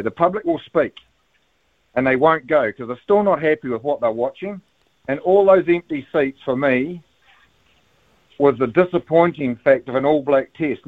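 A man's voice: medium pitch, no echo. A New Zealand man calling a radio talkback show, giving emphatic, opinionated sports views in a casual way and repeating himself for emphasis. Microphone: telephone. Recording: tinny phone line on radio.

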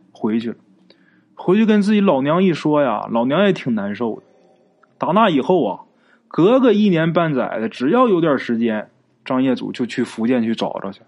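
A man's voice: medium pitch, darkish tone. A man narrating a ghost story in a chatty, folksy way, drawing out particles and speaking straight to his listeners.

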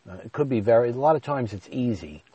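A man's voice: mid-range voice, animated, quick pace, mellow, husky, no echo, dull audio. A man in his thirties telling a personal story in an emotional, confessional way.

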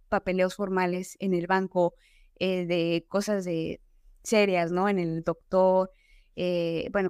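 Smooth-voiced Mexican woman, chatty guest. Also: mid-range voice, no room sound, studio quality. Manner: chatty, explains at length with anecdotes. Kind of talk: casual podcast conversation.

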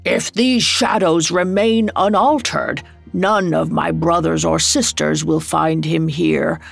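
A woman's voice: deep voice, fairly even intonation, slow pace, gravelly, no room sound, soft background music, full character voice. A woman voicing a stern male giant spirit who speaks in a grave, reproachful way. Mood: solemn. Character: stern ghost of Christmas present, male giant.

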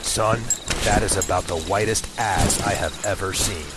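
Man playing a low-voiced, hard-boiled beat cop. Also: moderate pace, natural voice. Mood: wry. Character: gruff, weary, wisecracking middle-aged male police commander. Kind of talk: audio drama acting. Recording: noisy night ambience with chirping crickets.

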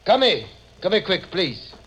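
Excitable, high-voiced Italian shopkeeper. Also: male voice, exaggerated voice. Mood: alarmed. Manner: excitable, halting broken English. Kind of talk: old-time radio drama acting. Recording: noisy old radio recording, clicks.

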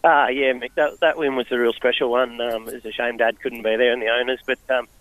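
A man's voice: medium pitch, steady tone, fairly quick, fairly bright tone, dry recording. A young Australian man, a harness racing driver, giving a casual interview in a modest, easygoing way. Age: young adult. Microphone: phone. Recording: muffled dry phone line.

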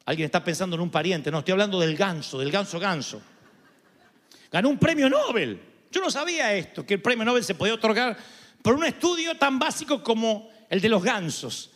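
Argentine male pastor, high voice, lively sermon delivery with playful imitations, big echoing hall. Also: a little fast. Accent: Argentine Spanish. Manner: animated, imitates voices and goose honks for humor. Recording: long hall reverb.

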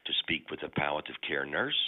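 A man's recorded phone menu message, read in a measured, formal way over a phone line. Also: rumbling low, animated. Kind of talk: scripted announcement.

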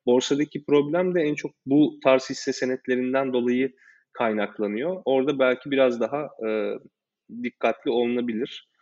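A man hosting a casual discussion, explaining in a measured way with hesitant fillers. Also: medium pitch, a little mellow, dull audio. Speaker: host.

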